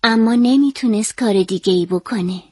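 A woman calmly and expressively reading a children's story aloud. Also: a little high, slightly rough, no echo, studio quality.

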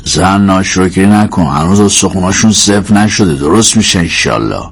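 A man's voice: sits low, lively intonation, vocal fry, husky, full character voice. A man reading a story aloud, voicing a patient family man who speaks in a soothing way. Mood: calm. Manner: soothing, reassuring.

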